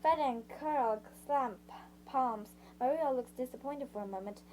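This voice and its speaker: Woman reading a book out loud, kinda high voice, keeps tripping and redoing words, faint hiss behind. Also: low-quality recording. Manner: halting, frequent restarts and self-corrections; breaks off to summarize parts in her own words. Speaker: audiobook reader. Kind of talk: amateur read-aloud narration.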